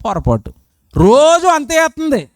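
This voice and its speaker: High-voiced preacher, dry close sound. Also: male voice, huge pitch swings, moderate pace, no room sound. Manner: emphatic, asks the crowd questions and acts out short quotes. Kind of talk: sermon.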